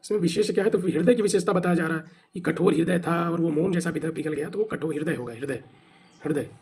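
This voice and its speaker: A man's voice: on the high side, fast talker, gravelly, darkish tone, a little hiss or hum. A man teaching an exam practice class, asking questions and answering them himself, sometimes spelling words out letter by letter. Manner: explains by asking and answering his own questions. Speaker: Hindi teacher.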